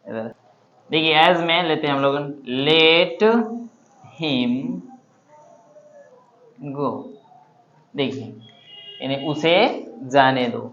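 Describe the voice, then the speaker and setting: A man teaching English grammar to a class, repeating each phrase slowly and often checking that students understand. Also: fairly high pitch, pushed and bright, muffled recording, slight background noise. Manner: slow, repetitive drilling, checking understanding. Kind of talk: classroom lesson. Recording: echoey classroom.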